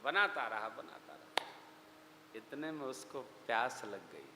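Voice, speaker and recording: A man giving a dramatic scripture discourse, dropping his voice low, then rising loud. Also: very animated, slow pace, background noise. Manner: dramatic storytelling, swings from hushed to loud. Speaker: religious storyteller. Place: large hall. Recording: echoey hall with music behind.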